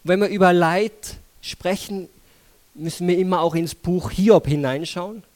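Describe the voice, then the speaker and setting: A man preaching a sermon, swinging between urgent, loud phrases and hushed, intimate ones. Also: high-pitched, unhurried.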